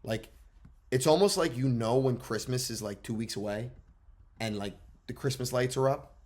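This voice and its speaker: A young man co-hosting a casual sports podcast, talking in a blunt, excitable way and swearing freely. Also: medium pitch, moderate pace. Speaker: podcast co-host.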